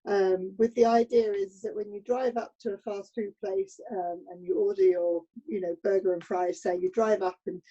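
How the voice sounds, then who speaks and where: A woman's voice: medium pitch, level tone, moderate pace, hardly any pauses, warm tone, dull audio. A woman with a parenting education background sharing her experience in a meeting, hesitant with many fillers.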